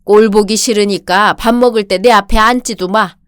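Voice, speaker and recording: A woman's voice: medium pitch, steady tone, normal speed, clean tone, no room sound, clean studio sound, close to an everyday voice. A woman reading the part of a domineering older father-in-law in a radio drama, barking insults and orders. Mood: contemptuous.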